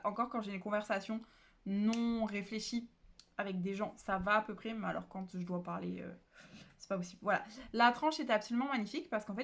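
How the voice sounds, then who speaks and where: Chatty rambling woman book vlogger. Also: mid-range voice. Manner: chatty, rambling, many fillers and self-corrections. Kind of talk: casual chat. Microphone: phone.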